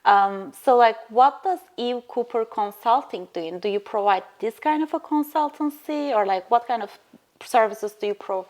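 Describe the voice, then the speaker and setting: A woman's voice: on the high side, normal speed, a little mellow. A woman from Turkey hosting an interview, asking chatty questions with many fillers. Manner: chatty, uses fillers like "like" and "you know". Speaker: podcast host.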